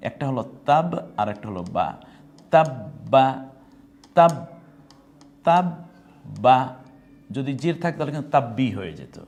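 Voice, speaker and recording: A man's voice: mid-range voice, very animated, a little mellow. A man teaching Quran reading, patiently naming letters and their dots one by one. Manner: chanted recitation, slow and drawn out. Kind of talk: step-by-step lesson on Arabic letters.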